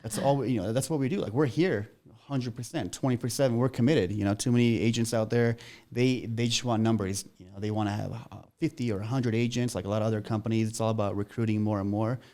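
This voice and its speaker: A man co-hosts a studio podcast and talks fast in a low voice. He sounds earnest and keen, tripping over a word now and then as he makes his case. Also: steady tone, dark tone. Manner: earnest, pitchy, a few stumbles. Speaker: co-host, real estate team lead. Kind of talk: casual interview chat.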